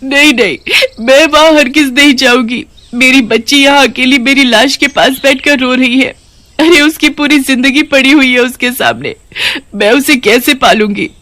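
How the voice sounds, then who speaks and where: An anguished, motherly witch ghost in a cartoon story, as a woman reader puts her on. She pleads in an emotional, middle-pitched voice. The sound is dry and close to the mic. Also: moderate pace, no echo, natural voice.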